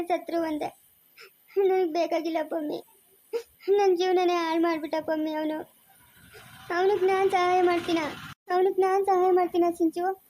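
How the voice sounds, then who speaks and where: A high, dry-sounding voice of a grieving young mother, as an actress plays her in a homemade family drama. She speaks, and her talk is emotional and pleading, returning again and again to the same words. The close, dead recording holds no room sound. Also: dark tone, dry recording. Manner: emotional, pleading, repeats herself. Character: grieving young mother missing a lost child. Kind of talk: amateur family web drama.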